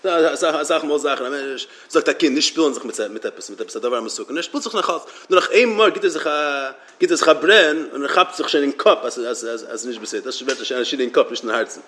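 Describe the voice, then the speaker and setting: Fast, halting man. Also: mid-range voice, a bit bright. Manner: halting, repeats words and restarts. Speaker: religious teacher. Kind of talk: Torah lecture.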